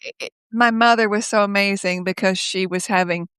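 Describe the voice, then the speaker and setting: An older woman speaking as a guest over a video call from her home office, telling stories in a lively way, laughing often and acting out the voices of others. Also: mid-range voice, fairly quick, clean tone, dry recording. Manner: lively, laughs often, acts out quoted speech. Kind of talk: casual conversational storytelling.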